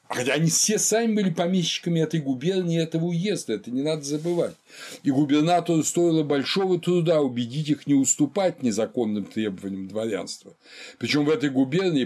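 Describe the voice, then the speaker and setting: A man giving a history lecture in a measured way, reading quotations aloud within it. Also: medium pitch, darkish tone.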